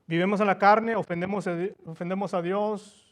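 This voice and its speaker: A man preaches with a high voice, turning from one language to the other and back. He speaks to his congregation as brothers and presses his points with rising fervor. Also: steady tone, a little fast. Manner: switches between Spanish and English, repeating each passage. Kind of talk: bilingual sermon.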